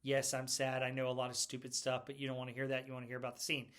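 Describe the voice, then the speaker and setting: A man's voice: medium pitch, monotone, racing, a bit bright. A middle-aged man hosting a casual pop culture video, chatty and rambling, laughing often as he talks. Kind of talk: casual movie retrospective talk.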